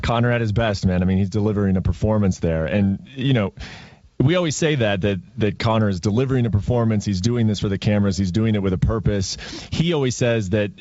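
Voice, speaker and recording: A man's voice: on the low side, fast, darkish tone, no room sound. A man hosting a radio interview, asking questions casually and repeating words as he goes. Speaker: host. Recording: dull dry lo-fi audio.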